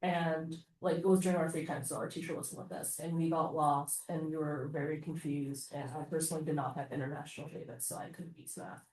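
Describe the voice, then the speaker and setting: A woman's voice: deep voice, steady tone, brisk, hardly any pauses, a little mellow. A young female student tells a story in class, casual with many fillers. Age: young adult. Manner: casual, lots of "like". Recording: echoey room, from a distance.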